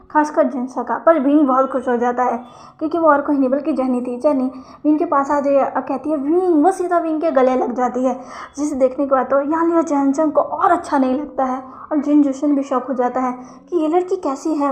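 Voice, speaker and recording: High-voiced woman narrating a story. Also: a little mellow. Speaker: fan fiction storyteller.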